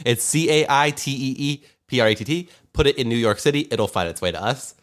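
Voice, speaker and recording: A man's voice: medium pitch, animated, fairly quick, fairly bright tone. A man hosting a podcast in casual comedic banter, rambling along in a joking, mock-serious way. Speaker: podcast host.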